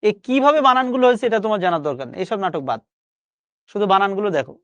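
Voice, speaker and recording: Fast and animated, this man's high, fairly bright voice carries a Bangladeshi Bengali accent as he coaxes students through spelling drills online, repeating each word and adding colloquial chatter. There's no echo, and the high frequencies are cut off.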